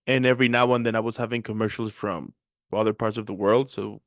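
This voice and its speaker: A man's voice: lowish voice, steady tone, fast, fairly bright tone, dry recording, clean studio sound. A man hosting a casual chat show, laid-back and agreeable, with a slangy way of talking. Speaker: host.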